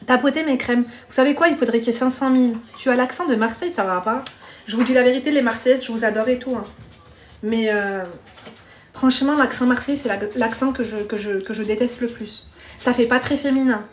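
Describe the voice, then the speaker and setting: A woman's voice: on the high side, brisk. A woman hosting a live stream, chatting bluntly with viewers, reading their comments and giving dating advice while calling them pet names.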